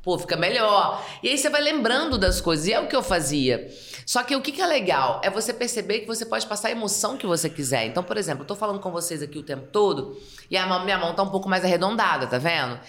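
Woman guest, communication coach, animated explainer, mid-pitched voice, talk-show podcast. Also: fast. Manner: expressive, acts out example quotes. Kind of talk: casual podcast chat, explaining.

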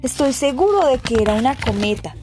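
A woman's voice: sits high, lively intonation, a little fast, darkish tone, faint music behind. Grumpy know-it-all bunny, as a woman puts him on. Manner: grumbling, know-it-all scolding. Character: grumpy, arrogant little male rabbit. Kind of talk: storybook reading.

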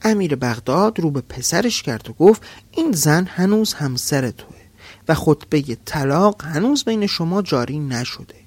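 A male storyteller reads an old tale aloud for his podcast. His voice sits on the higher side and swings widely in pitch as he brings the quoted characters to life. The recording is close and dry, with no room sound. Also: slightly rough, dry recording. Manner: animated, shifts pitch and loudness for quoted speakers. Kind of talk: storytelling narration.

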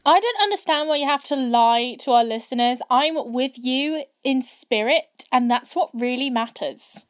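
A woman's voice: high voice, normal speed. A woman co-hosting a podcast in casual chat, recording on a phone under a blanket in her room, talking in a chatty, giggly, rambling way. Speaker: podcast co-host. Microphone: phone propped on a tissue box.

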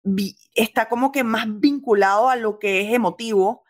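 A Venezuelan stand-up comedian with a Venezuelan accent chats casually as a guest in an interview, lively and laughing often while slipping English phrases into her speech. Her voice runs on the high side at a normal speed.

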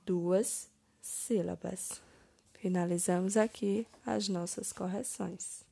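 A woman teacher, slowly correcting first-grade homework step by step, stressing each word. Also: fairly low pitch, fairly even intonation, vocal fry, mellow, slightly rough, no room sound.

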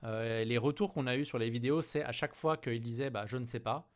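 A man's voice: mid-range voice, a little fast. Casual male interviewer reading chat questions. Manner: friendly, informal.

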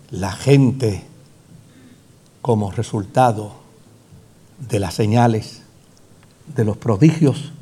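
With a mellow, medium-pitched voice, a Puerto Rican preacher with a Puerto Rican Spanish accent delivers a sermon. He stacks emphatic repetitions and rhetorical questions, driving them to fervent climaxes.

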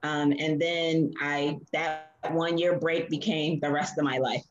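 A young adult woman from Philadelphia chats easily as an interview guest, peppering her talk with "like" and "um". Her voice sits a little low. The sound is dull and lo-fi and bounces around a roomy space. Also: steady tone, unhurried. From Philadelphia, USA. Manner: chatty, lots of "like" and "um". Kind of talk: casual interview conversation. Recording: echoey room, dull lo-fi sound.

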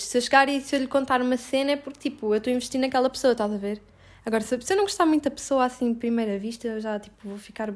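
A woman answering interview questions in a casual, blunt way, full of filler words. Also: on the high side.

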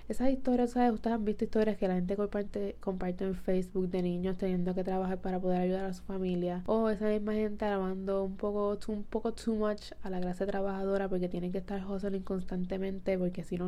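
A woman's voice: mid-range voice, dark tone. A young adult woman talks casually as a podcast host, mixing English words and phrases into her in an informal Spanglish. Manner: informal, conversational, with slangy asides. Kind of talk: casual solo podcast talk.

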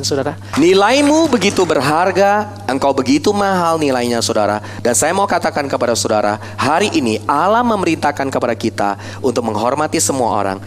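A man preaching a sermon with animated delivery. He keeps turning to the congregation with rhetorical questions. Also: medium pitch, a little hiss or hum.

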